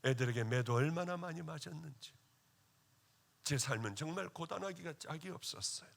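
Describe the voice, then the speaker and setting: A man preaching a sermon at a revival meeting as pastor, telling a personal testimony with emotional swings between loud exclaiming and hushed tones. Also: fairly high pitch, lively intonation, moderate pace, vocal fry. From Korea.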